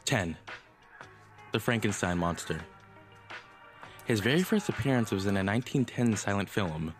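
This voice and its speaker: A man narrating a countdown video from a script in a fairly low voice. He sounds measured and informative, with faint music under him. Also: big pitch swings.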